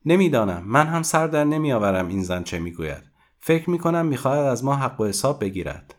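A man reading a storybook aloud and voicing a scheming, sharp-tongued young woman swindler who speaks high, loud and defiant. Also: big pitch swings, natural voice. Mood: uneasy.

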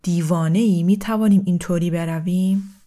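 A woman voicing a sharp-tongued young woman friend in a storybook, sounding incredulous and scolding. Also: fairly low pitch, steady tone, lightly acted.

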